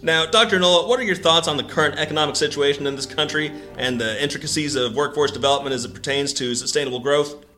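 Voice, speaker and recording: An actor playing a fearmongering talk radio host who booms on air and grumbles off air. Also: male voice, fast, few pauses, pushed and bright, faint music behind. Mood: blustering.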